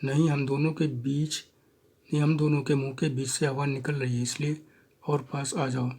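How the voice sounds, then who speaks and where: A man reading an audio story, voicing a nervous young woman who pleads in hushed tones. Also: medium pitch, level tone, moderate pace, lightly acted. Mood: anxious. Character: anxious young woman eloping at night.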